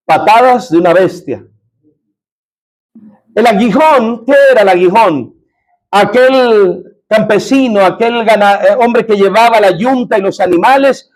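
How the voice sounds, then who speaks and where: A man preaching a sermon as pastor in a church, often asking the congregation questions. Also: high voice.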